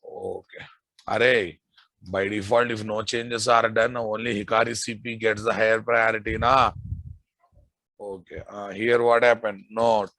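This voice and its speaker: A man's voice: lowish voice, level tone, a little slow, sharp tone, no room sound, low-quality recording. A man with a Telugu Indian accent giving a live technical lecture as an instructor, repeating key phrases and checking in with his listeners. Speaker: programming instructor.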